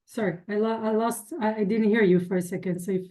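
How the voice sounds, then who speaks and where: Woman, course instructor, video call, mellow, friendly, restarts a lot. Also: medium pitch, fairly even intonation. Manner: friendly, halting, many restarts. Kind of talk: online class introductions.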